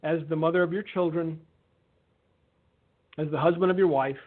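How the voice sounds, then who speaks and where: A man closing a radio sermon with earnest, measured blessings. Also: fairly high pitch, steady tone. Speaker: radio minister. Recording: phone-like lo-fi line.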